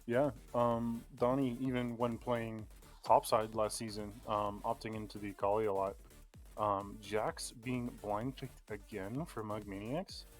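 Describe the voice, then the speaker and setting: A man with a lowish voice calls each pick of an esports draft in steady play-by-play, often pausing on an um. Faint music runs behind him. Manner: steady play-by-play, frequent ums. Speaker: play-by-play caster. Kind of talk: live esports draft commentary.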